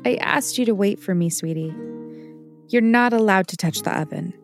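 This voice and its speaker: A woman's voice: mid-range voice, moderate pace, soft background music, lightly acted. A woman playing a caring mom. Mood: reassuring. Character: caring mother, warm and reassuring. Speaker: mother.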